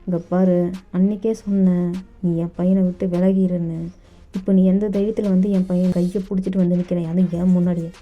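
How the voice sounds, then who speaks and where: A woman's voice: lowish voice, flat delivery, fairly quick, natural voice. A woman voicing a stern, controlling older uncle who scolds a young man. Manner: scolding, commanding. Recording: dull lo-fi with faint music.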